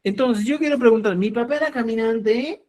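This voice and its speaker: Teaching grammar step by step, a male Quechua teacher explains slowly, keeps checking in with "¿ya?" and addresses everyone as "estimados amigos." His voice is extremely high and a little mellow.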